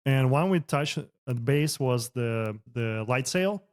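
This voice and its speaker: A male interviewer with a voice of ordinary pitch poses his questions casually. He leans on "like" as he feels his way through each sentence. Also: animated, slow. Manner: casual, frequent "like" fillers.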